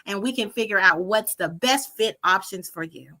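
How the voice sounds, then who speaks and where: Confident bright-voiced woman. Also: mid-range voice, moderate pace, rough recording. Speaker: business coach. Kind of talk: self-introduction. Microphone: video call.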